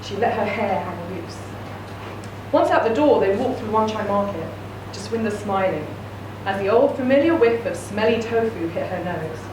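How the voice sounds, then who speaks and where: At a live reading event, a woman with a medium-pitched voice narrates a short story steadily, sounding animated at a normal speed. The space echoes, the mic is distant, and there's noise.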